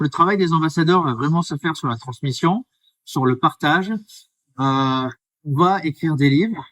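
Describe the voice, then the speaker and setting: A man's voice: a little high, distant mic. A man from the Drôme who works as a baker, answering interview questions in an earnest, explanatory way. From France, Drôme. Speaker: baker, guest.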